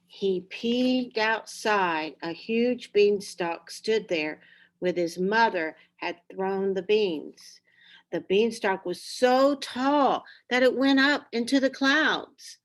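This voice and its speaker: Reading a scripted children's story at a medium pitch, a woman narrates expressively and deliberately.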